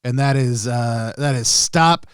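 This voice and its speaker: A man's voice: mid-range voice, slow pace, smooth, dry recording, clean studio sound. A man chatting casually as he improvises his part as a player in a tabletop role-playing game.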